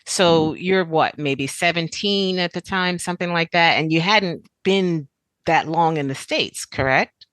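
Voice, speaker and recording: A woman's voice: lowish voice, a little slow, a bit bright, no echo. A woman co-hosting a podcast, asking short questions and giving brief affirming interjections. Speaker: podcast co-host. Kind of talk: casual interview.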